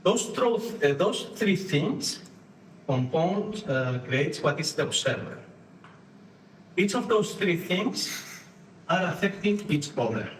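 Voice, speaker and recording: A man from Spain with a Spanish accent, giving a live conference talk with halting phrasing and frequent restarts while acting out postures and inner voices for the audience. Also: high voice, very animated. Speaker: conference speaker. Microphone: distant room mic. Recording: echoey room from far off, faint noise.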